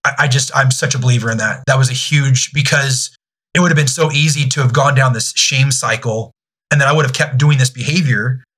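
A man in his thirties, a youth ministry director, speaking candidly as a podcast guest, pausing and restarting often. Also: medium pitch, steady tone, sharp tone, slightly rough. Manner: halting, many restarts and fillers.

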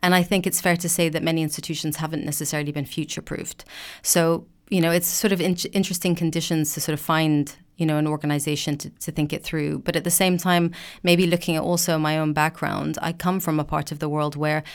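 A woman in her forties with a low, smooth and resonant voice answers interview questions. She speaks in a measured, articulate way and hedges often. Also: little pitch movement. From Palestine. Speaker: museum director, guest.

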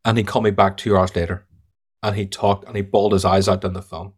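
A deep, slightly rough voice with a level tone and a quick pace belongs to this Irish-accented man. As a guest sales trainer on a podcast interview, he tells stories emphatically and gives blunt judgments.

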